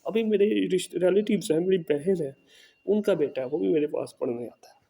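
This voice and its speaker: A man with a Pakistani Urdu accent, a home tutor, tells a story in a casual, earnest monologue and keeps tagging his sentences with a quick "okay". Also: high voice, animated, creaky, warm tone, husky. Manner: earnest, repeats "ٹھیک ہے" as a tag.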